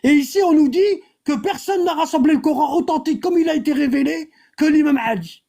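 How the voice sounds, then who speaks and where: A man's voice: very high-pitched, fairly quick, vocal fry, dark tone. A man hosting a live online debate, arguing and repeating himself. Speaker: live stream host.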